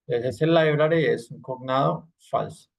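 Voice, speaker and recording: A man's voice: medium pitch, moderate pace, gravelly. A man teaching an online English class, explaining patiently and checking in with frequent tag questions.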